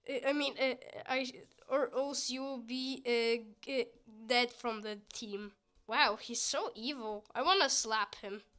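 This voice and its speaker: A young woman streams gameplay in a youthful, fairly high, bright voice with a forceful tone. She chats goofily, reads the game's dialogue aloud, and breaks into squealing outbursts.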